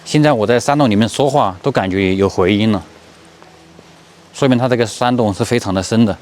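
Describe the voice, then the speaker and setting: A man's voice: brisk, a little mellow. Man talking with cave echo. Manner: plain, descriptive, talks to viewers as he walks. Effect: echo from speaking inside a deep cave. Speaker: travel vlogger. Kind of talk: casual walking-tour narration. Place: inside a large limestone cave.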